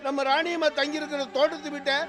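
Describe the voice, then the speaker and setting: A panicky estate accountant. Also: male voice, extremely high pitch, flat delivery, quick pace. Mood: urgent. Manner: urgent, panicky. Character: breathless alarmed estate accountant man. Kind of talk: Tamil TV serial acting.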